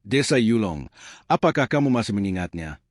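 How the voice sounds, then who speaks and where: A man doing a calm, aloof old sect master. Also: lowish voice, normal speed, no echo, studio quality. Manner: calm, unreadable, condescending.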